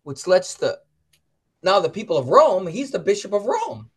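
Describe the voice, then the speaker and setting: An American man co-hosting a casual talk show, animated and playful, acting out quotes. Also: high voice, moderate pace, husky. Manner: animated, playful, acts out quotes in silly voices. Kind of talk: casual chat.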